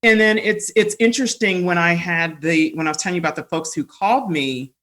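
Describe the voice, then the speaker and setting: A woman guest on a podcast, telling stories in a rambling, animated way and laughing often. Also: lowish voice, fairly quick. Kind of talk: casual storytelling conversation.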